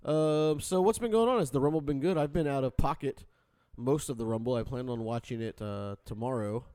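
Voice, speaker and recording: A man's voice: medium pitch, fairly quick, darkish tone, clean tone, no room sound. A man hosting a radio show in casual, jokey banter with his co-hosts.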